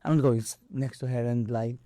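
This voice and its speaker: The speaker is a Maltese boxer and trainer being interviewed, whose mid-range, dark voice stays level and moves fairly quickly. With a Maltese accent and non-native English, he casually narrates stories, performing the dialogue and impact sounds, and the recording has no room sound.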